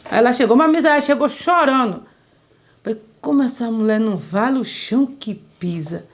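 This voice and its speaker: A woman's voice: a little high, a little fast. A woman, telling a story in casual talk and acting out the voices she quotes. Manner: animated, acts out quoted voices. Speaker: interviewee.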